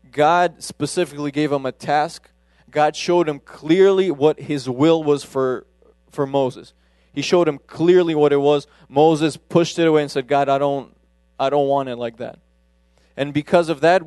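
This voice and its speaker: A man's voice: fairly high pitch, darkish tone, clean tone, no room sound, clean studio sound. A man giving a conversational sermon, often breaking off and restarting his sentences. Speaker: preacher. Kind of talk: casual sermon.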